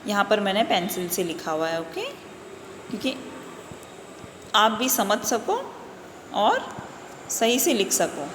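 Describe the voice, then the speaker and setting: Woman, teacher, slow patient explaining, question-and-answer style, reverberant room, faint background hum. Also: mid-range voice. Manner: often adds "okay" and "na" to check understanding. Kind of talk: worksheet lesson for young children.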